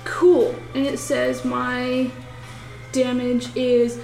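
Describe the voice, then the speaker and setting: A woman's voice: high-pitched, flat delivery, extremely slow, vocal fry, darkish tone. A woman playing a tabletop role-playing game, chatting casually and playfully at the table. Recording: echoey room with faint music.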